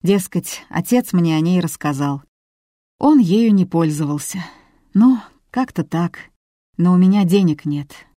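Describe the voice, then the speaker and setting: Here is a distraught grown son who confesses in a hesitant, apologetic way, read by a woman. The voice sits low and dark. It is recorded dry and close, like a studio audiobook. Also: animated, unhurried, no room sound. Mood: crushed, confiding.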